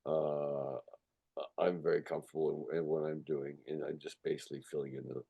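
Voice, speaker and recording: A man's voice: very deep voice, flat delivery, brisk, creaky, dark tone, breathy edge, lo-fi sound. A man who is a musician, talking casually in an interview in a rambling storytelling way, sweary and emphatic, often checking that the listener follows. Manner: sweary, emphatic, repeatedly checks listener with "you know" and "right". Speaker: musician, songwriter and record producer being interviewed.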